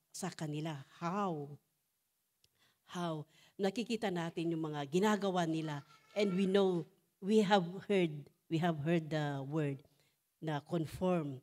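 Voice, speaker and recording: A middle-aged woman giving a church testimony and sermon, switching between English and Tagalog, often asking "Amen?" and pausing on fillers. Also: deep voice, dark tone. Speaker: church speaker.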